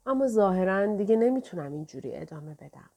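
A woman reading an audiobook voices a frightened young pregnant woman who speaks softly and tremulously. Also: medium pitch, animated. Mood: sad. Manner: soft, trembling, tearful.

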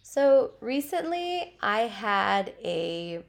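Her voice is a little high and creaky, swinging widely in pitch and moving extremely slowly. She's a podcast host talking alone from home with her dogs near, rambling chattily, swearing freely and peppering everything with "like." She's still stuffy, her voice just recovered from a cold.

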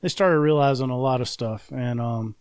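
A man's voice: mid-range voice, normal speed, a little mellow, clear, resonant tone, no echo, clean studio sound. A man in his thirties telling his own story in frank, plainspoken casual talk, swearing now and then. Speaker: guest, army veteran. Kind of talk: candid conversational storytelling.

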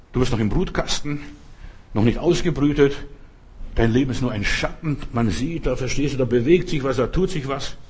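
Husky-voiced man preaching a sermon. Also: fairly high pitch. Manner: emphatic, addresses listeners directly.

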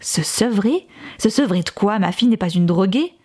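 A woman's voice: mid-range voice, lively intonation, normal speed, darkish tone, lightly acted. A woman reading a fierce furious mother. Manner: blunt, furious. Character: angry determined mother, fierce.

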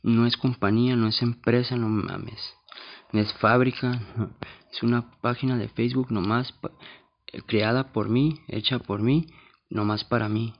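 Brief: podcast host, rough gravelly voice, blunt and confessional, slightly muffled sound. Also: male voice, medium pitch, fairly even intonation, measured pace. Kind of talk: casual monologue.

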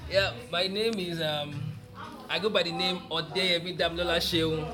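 High-voiced Nigerian man as a podcast guest. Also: fairly even intonation, moderate pace, music in the background. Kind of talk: casual interview chat.

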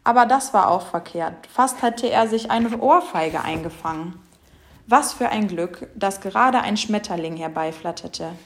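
Woman, storybook reader, expressive, children's story, medium pitch. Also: a little slow. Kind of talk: children's story read aloud.

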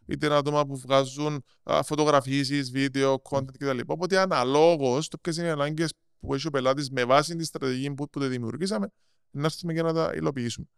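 A man with a Cypriot Greek accent explaining things in casual interview talk, halting and repeating words as he goes. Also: on the high side, fairly even intonation, gravelly, clear, resonant tone, no room sound, clean studio sound. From Cyprus. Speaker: podcast guest, marketing strategist.

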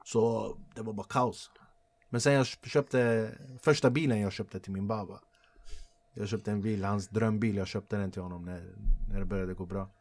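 A man in his forties, a comedian and host, telling stories in a casual chat, animated and slangy, laughing often. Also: lowish voice. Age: 40s.

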